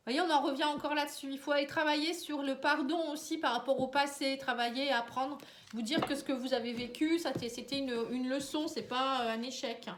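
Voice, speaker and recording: A woman's voice: high voice, fairly even intonation, fairly quick, a little hiss or hum. A woman with a stuffy head cold, sounding tired, giving a casual tarot reading straight to the viewer and tagging her lines with little checks like "you see". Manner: talks straight to the viewer, tags lines with "hein" and "vous voyez". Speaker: tarot and oracle card reader. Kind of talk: casual horoscope card reading to camera. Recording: roomy, resonant sound.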